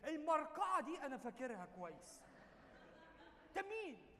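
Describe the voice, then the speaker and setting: A pompous scheming suitor on stage. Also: male voice, very high voice, very animated, fairly quick, fairly bright tone, slight background noise, exaggerated voice. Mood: puzzled. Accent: Egyptian. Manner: pompous mock-formal speech, wailing pleas. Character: scheming male suitor praying in grand classical Arabic. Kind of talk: live stage comedy. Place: theater stage. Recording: live theater hall reverb.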